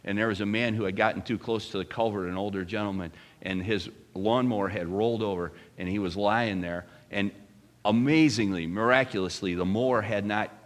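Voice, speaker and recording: Pastor guy preaching, gets loud then drops quiet, lively storytelling. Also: lowish voice, fairly quick. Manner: animated preaching, swings from loud to hushed. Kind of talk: sermon.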